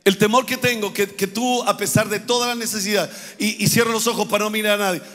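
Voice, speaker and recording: Pastor guy preaching hard, sharp voice, long reverb in the church. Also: high voice, fairly even intonation, quick pace. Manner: fervent, repetitive preaching that swells into shouts. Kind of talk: sermon.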